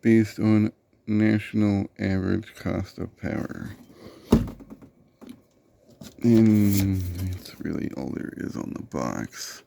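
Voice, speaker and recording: A man's voice: low voice, takes it slowly, gravelly, mellow, slight background noise. A man hosting a casual unboxing video, rambling with dry, sarcastic asides about the product. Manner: rambling, with fillers and self-corrections. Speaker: host of a product unboxing show.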